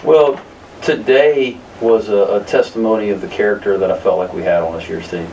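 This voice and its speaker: Deep voiced coach guy in his 30s at a press conference, talks slow and careful with lots of ums, kinda far from the mic, bit of hiss. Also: steady tone, darkish tone. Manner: measured, many fillers and restarts. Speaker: basketball coach. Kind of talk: post-game press conference answers. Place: press room in front of a sponsor backdrop.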